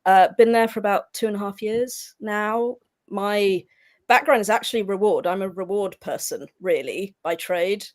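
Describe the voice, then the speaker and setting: A woman guest on a webinar panel, introducing herself in a friendly, relaxed way. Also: medium pitch, normal speed. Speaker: head of global mobility, guest.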